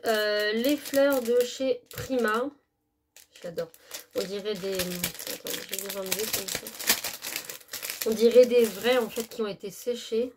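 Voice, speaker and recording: A woman's voice: medium pitch, noisy background. Chatty woman showing craft supplies. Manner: chatty, loses her words, self-correcting. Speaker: scrapbooking haul vlogger. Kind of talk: casual haul presentation.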